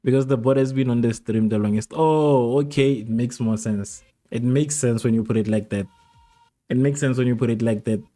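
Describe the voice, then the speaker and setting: A man from South Africa hosts a live watchalong stream, chatting casually with his viewers. His voice sits in a mellow, middle register, and he laughs often and repeats phrases as he reads and answers comments. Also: medium pitch. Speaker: livestream host.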